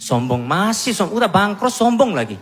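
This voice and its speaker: A man from Korea giving a personal testimony to a church congregation, telling his story in an animated, self-mocking way. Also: high voice, a little fast, big-room sound, soft background music. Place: church hall.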